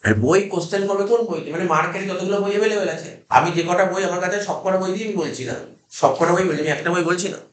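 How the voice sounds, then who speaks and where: A man's voice: high voice, rapid-fire, roomy sound. A man with a Kolkata Bengali accent, lecturing a class and drilling students with repeated questions. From India. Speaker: teacher.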